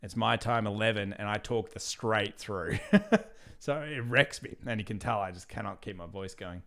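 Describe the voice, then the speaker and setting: A man with an Australian accent hosts a live market analysis stream as a trading channel host, speaking at normal speed in a fairly low, sharp-toned voice. He talks casually and rambles, reads viewer questions aloud, and his voice is wearing out after hours of talking.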